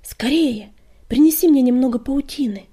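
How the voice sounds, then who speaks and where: A woman's voice: on the high side, moderate pace, warm tone, exaggerated voice. A woman reading the part of an old grieving female medicine cat from a storybook, in a whisper. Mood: urgent. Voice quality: whispered, breathy.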